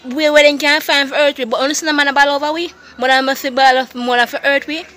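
A woman with a Jamaican accent speaking passionately to her vlog audience, preachy and rising loud when heated. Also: high-pitched, fairly even intonation, fast. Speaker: vlogger. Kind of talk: casual monologue to camera.

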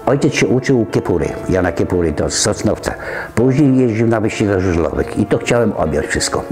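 A man's voice: lowish voice, animated, fairly quick, over music. Older man, chatty and rambling. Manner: rambling, chatty, trailing off and restarting. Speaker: interviewee. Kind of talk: casual conversation. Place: community center, walking around.

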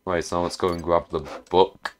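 A man's voice: sits low, little pitch movement, normal speed, a little hiss or hum. A man giving casual gameplay commentary as a gaming YouTuber, muttering hesitantly to himself with frequent restarts.

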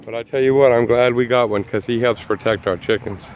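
A man's voice: mid-range voice, steady tone, a little fast, slight background noise. A man in casual home-video narration, chatting offhand outdoors in a backyard among his chickens. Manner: chatty, offhand, explains things plainly. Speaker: backyard chicken keeper filming his flock.

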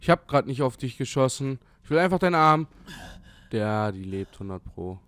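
A man's voice: medium pitch, animated, moderate pace, fairly bright tone, slight background noise. A young man commenting on a horror game as he plays, scared and jumpy, swearing and talking to the game. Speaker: let's play gamer.

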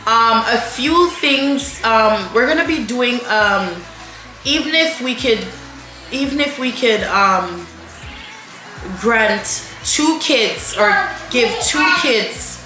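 A woman's voice: on the high side, lively intonation, slow, pushed and bright, reverberant, soft background music, poor audio. A woman in her thirties co-hosting a family vlog, chatting to camera with many ums and restarts. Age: 30s. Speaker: vlog co-host, mother. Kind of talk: casual chat to camera. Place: indoor room in front of a lattice-patterned wall.

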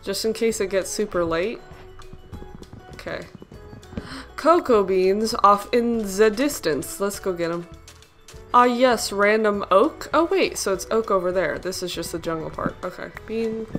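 A woman's voice: medium pitch, lively intonation, unhurried, a bit bright, faint music behind. A young woman hosting a casual Minecraft let's play, talking through her moves in a chatty, giggly way with playful little sound effects. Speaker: gaming channel host.

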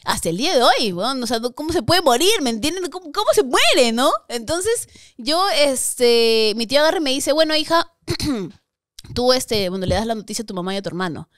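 A young adult woman from Peru, speaking with a Peruvian Spanish accent, tells stories as a podcast guest in casual chat, animated, laughing often and acting out quoted voices. Her voice is high and at a normal speed, in a dry, clean studio recording.

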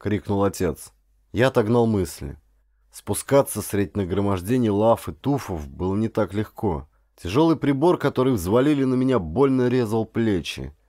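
Here a man with a voice on the low side sounds animated and mellow, keeping a moderate pace in studio-quality audio without room sound. He's a professional actor giving dramatic, storyteller-style audiobook narration that shifts into direct address to the listeners.

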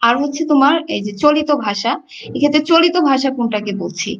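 A woman's voice: sits high, expressive, a little fast. A woman teacher from Bangladesh explaining a lesson to her students, addressing them directly with frequent fillers. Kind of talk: online class lecture. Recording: dull lo-fi audio.

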